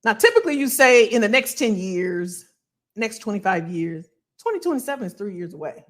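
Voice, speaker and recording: A woman hosting a casual livestream as a financial coach, animated and colloquial, repeating phrases for emphasis. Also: medium pitch, fairly quick. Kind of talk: casual livestream talk to viewers.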